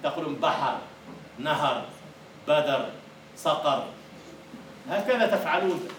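A man with an Egyptian Arabic accent giving a university lecture on poetry and meter, who explains words and then recites verses slowly and emphatically. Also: a little high, lively intonation, fairly bright tone. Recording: echoey room from a distant mic with faint noise.

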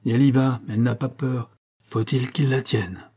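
A man reading an audiobook, voicing a suspicious servant who mutters low to himself. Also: fairly even intonation, normal speed, mellow, breathy edge, lightly acted. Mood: muttering.

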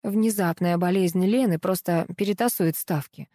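A woman reading a first-person audiobook in a lively, ironic storytelling manner. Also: on the low side, moderate pace, no room sound, clean studio sound. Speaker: audiobook narrator.

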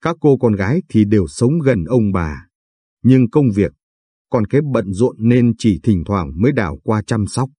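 A man narrating a late-night audio story in a calm, measured way. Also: on the low side, breathy edge, no room sound.

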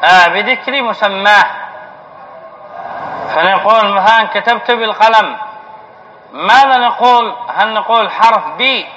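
A man's voice: sits high, unhurried, pauses often, bright, forceful tone. A man, a sheikh, giving a classroom lesson on Arabic grammar. He asks his students questions and then answers them himself. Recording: dull lo-fi lecture recording with faint hiss.

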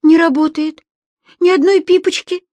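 A frightened young schoolgirl, put on by a woman reader, squealing and begging in a high, strained voice. Her pitch jumps far above the reader's own. The sound is dry and close. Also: animated, normal speed, darkish tone, dry recording. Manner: panicky, squealing, pleading. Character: terrified young schoolgirl, jittery and shrill.

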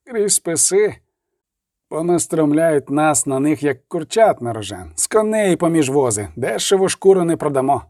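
A man playing a hoarse, blunt Hussite fighter. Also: on the high side, very animated, moderate pace, darkish tone, no echo, clean studio sound. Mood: grim. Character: gruff grown male Hussite fighter, blunt.

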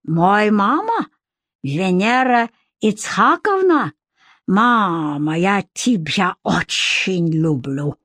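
A woman voicing an excitable male shopkeeper who talks in broken grammar with a thin, squealing voice. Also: high-pitched, slow pace, dry recording, clean studio sound, voice pushed up, heavily acted. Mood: excited, pleading.

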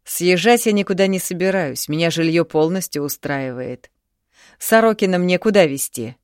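A woman's voice: on the low side, moderate pace, darkish tone, smooth, no room sound, studio quality, close to an everyday voice. A woman voicing a terse, dismissive young man in an audiobook. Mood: grumbling. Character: young man, cool and curt.

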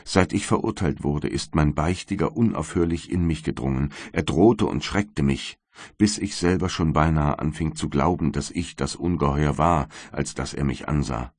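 A man's voice: rumbling low, moderate pace, dry recording, studio quality. Man reading as Justine, a weeping condemned young maid. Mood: despairing. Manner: tearful, imploring. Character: condemned young servant woman, weeping and devout.

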